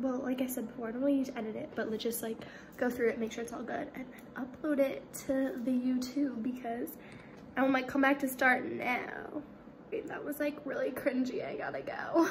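A woman's voice: high-pitched, fairly bright tone, a little hiss or hum. A young woman in college chatting casually to her phone camera, giggly and rambling with lots of "like" and "literally". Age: young adult. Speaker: vlogger, college student. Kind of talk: casual phone vlog chat. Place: dorm room and campus lab building. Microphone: phone held at arm's length.

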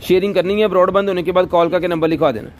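A man selling goods on a live stream in an overeager, insistent teleshopping pitch, repeating himself often. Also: fairly even intonation, rapid-fire, slight background noise.

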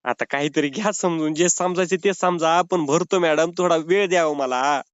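A man's voice: a little high, normal speed, clean tone, no room sound. A man making a comic prank phone call, pleading and whining in a mock-sobbing way. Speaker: prank caller.

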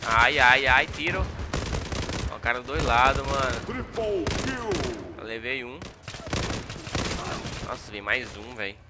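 Speaking slowly in a mid-range voice with frequent pauses, a young man with a Brazilian Portuguese accent commentates on his own gameplay for YouTube. He's exasperated and full of slang, tossing out "mano" and "véi" again and again, amid heavy background noise and gunfire.

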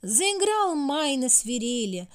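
A woman narrating a children's fairy tale in an expressive storytelling manner. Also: high-pitched, slow. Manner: sing-song, expressive.

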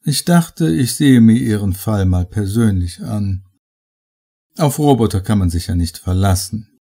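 A man doing a brisk suspicious official. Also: lowish voice, expressive, mellow, husky, full character voice. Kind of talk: audiobook character voice.

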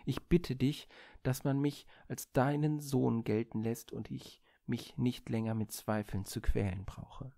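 A man's voice: mid-range voice, steady tone, measured pace, creaky, warm tone, no room sound, clean studio sound. Man voicing earnest young Phaethon, hesitant and pleading.

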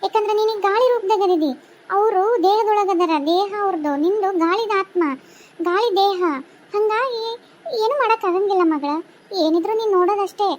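Woman doing a calm motherly ghost. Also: extremely high pitch, normal speed. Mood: soothing. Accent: North Karnataka Kannada. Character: kindly older female ghost mother, soothing.

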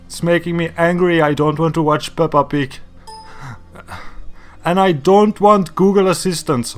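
A sarcastic, exasperated man rants through a comedy video, swearing freely. His voice sits a little higher than most men's. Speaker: YouTuber. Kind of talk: comedic rant.

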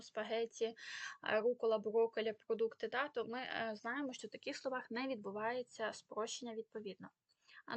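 A woman's voice: fairly high pitch, fairly bright tone, no echo. A woman giving a spelling lesson, explaining rules and carefully stressing the example words. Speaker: language teacher.

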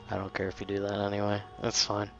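A man's voice: fairly low pitch, creaky, a bit bright, muffled recording. A man giving casual, rambling commentary over a video game, swearing often and mocking himself. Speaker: let's play gamer.

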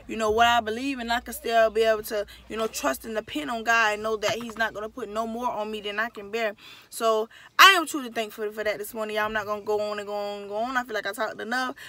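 A woman vlogger speaking straight to her camera with a bright, forceful voice pitched a little high. She is effusive and excitable, circles back over the same phrases, and rushes ahead in quick bursts. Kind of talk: heartfelt talk to camera.

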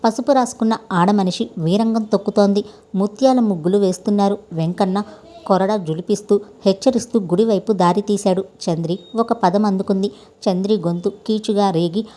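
Woman reading a story out, steady pace, mellow mid voice. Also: medium pitch. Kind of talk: scripted story narration.

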